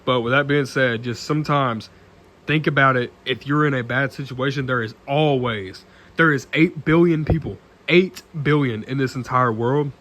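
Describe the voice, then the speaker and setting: A nineteen-year-old man talking casually to camera in an earnest, halting way, full of restarts and fillers, often clearing his throat. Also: mid-range voice, fairly bright tone. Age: late teens. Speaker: vlogger.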